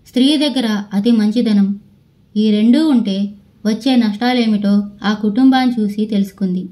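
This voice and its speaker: A woman narrator reading a novel aloud in a steady storytelling manner. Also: on the high side, poor audio. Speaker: audiobook narrator.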